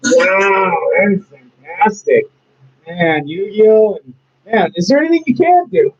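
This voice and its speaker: A man's voice: sits high, lively intonation, measured pace. A man hosting a casual interview, rambling encouragingly with lots of fillers. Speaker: host. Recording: dull lo-fi audio.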